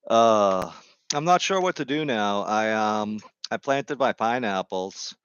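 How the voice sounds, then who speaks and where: A man chatting casually on a vlog, rambling from topic to topic with deadpan, jokey humor, speaking into a Bluetooth microphone. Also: fairly low pitch, slow, clean tone, dry recording, dull audio. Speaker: vlogger.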